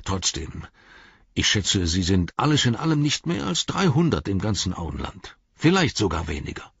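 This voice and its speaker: A sturdy hobbit farmer, as a male reader plays him, deep and husky, laying out matters plainly. His tone stays steady and practical. The sound is dry and a touch muffled. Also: moderate pace, no room sound, full character voice. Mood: matter-of-fact. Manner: matter-of-fact, explaining. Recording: dry, slightly dull studio sound.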